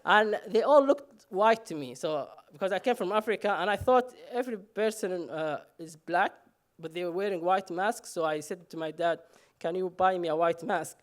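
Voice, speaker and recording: A man's voice: sits high, moderate pace, few pauses. A man from Somalia, telling a personal story on stage with self-mocking humor and frequent "uh" fillers.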